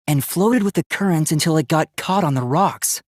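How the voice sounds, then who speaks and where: A man with a fairly high pitch, speaking at a moderate pace, voices an earnest, logical young male robot student in an English video game. His lightly acted lines are formal, precise and analytical with a serious, analytical mood, captured at studio quality without echo.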